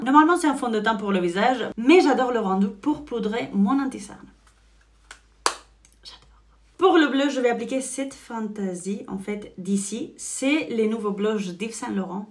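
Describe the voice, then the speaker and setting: Chatty woman with a spanish-tinged accent. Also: a little high. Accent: Spanish-influenced French. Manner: chatty, frequent "en fait" fillers. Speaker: beauty vlogger. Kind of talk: casual makeup tutorial chat.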